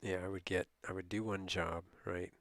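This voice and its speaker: A man's voice: low-pitched, flat delivery, normal speed, fairly bright tone, no room sound. A middle-aged man telling a rambling, casual late-night story as a streamer, often laughing and quoting people.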